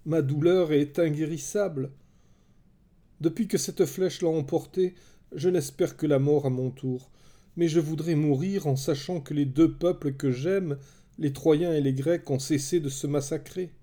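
A man's voice: fairly high pitch, fairly even intonation, measured pace, dark tone, pitched above the performer's own voice, natural voice. A man voicing a grieving widowed queen, bitter and sorrowful with a cutting edge.

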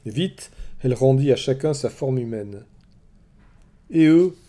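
Dark-voiced male storybook narrator. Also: medium pitch, normal speed. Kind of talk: storybook narration read aloud.

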